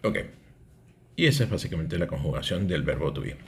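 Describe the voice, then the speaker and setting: A man's voice: a bass voice, big pitch swings, brisk, darkish tone, a little hiss or hum. A man, teaching an English grammar lesson and explaining step by step, often checking in with "¿ok?".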